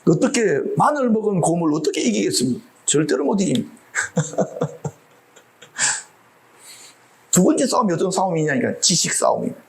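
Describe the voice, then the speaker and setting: Middle-aged guy preaching, voice jumps all over, kinda high, jokey, keeps asking the crowd questions. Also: normal speed, long pauses. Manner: lively, humorous preaching with rhetorical questions. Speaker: pastor. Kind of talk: sermon.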